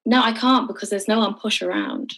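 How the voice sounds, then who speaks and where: A young woman from East London in casual family chat, teasing and quick to contradict. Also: medium pitch, sing-song, a loud crowd.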